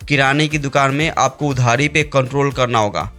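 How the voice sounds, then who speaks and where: A man's voice: medium pitch, moderate pace, sharp tone, soft background music. A man giving informal advice to his viewers, chatty and repetitive, often restarting phrases and checking in with his audience. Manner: chatty, repeats "okay" and "friends". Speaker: business advice presenter. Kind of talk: informal explainer to camera.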